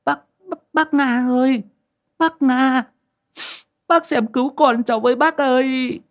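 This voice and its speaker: Brief: terrified young mother played by a male narrator, high, loud, tearful pleading. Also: fairly even intonation, unhurried. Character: frightened young village mother, sobbing pleas.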